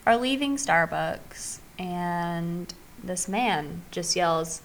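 A young woman co-hosting a casual podcast, her pitch swinging widely as she tells her stories. She quotes people in character, with faint noise behind her. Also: expressive, extremely slow. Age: young adult. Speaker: podcast co-host. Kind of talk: casual chat.

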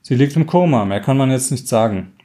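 A man voicing a worried middle-aged mother who speaks haltingly, pausing to swallow between sentences. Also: mid-range voice, lively intonation, mellow, close to an everyday voice. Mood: strained.

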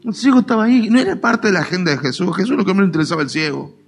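A male pastor with an Argentine Spanish accent, preaching a lively, colloquial sermon with playful mock dialogues. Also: high-pitched, racing, vocal fry, breathy edge, soft background music. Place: church.

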